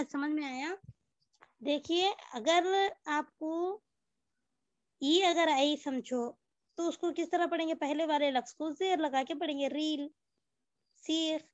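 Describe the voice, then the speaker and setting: A woman's voice: high-pitched, no echo. A woman teaching a reading lesson. She patiently repeats example words and asks questions that she answers herself. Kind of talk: reading lesson, drilling word lists. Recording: dull, dry lo-fi recording.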